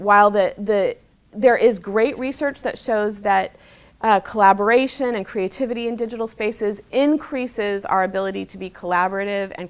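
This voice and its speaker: Earnest woman answering questions as an expert. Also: mid-range voice. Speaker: expert guest, mental health specialist. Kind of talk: answering audience questions at a talk.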